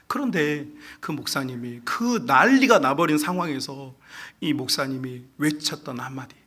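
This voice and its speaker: A male pastor preaching a sermon with lively storytelling, moving between hushed asides and excited, loud passages. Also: medium pitch, moderate pace.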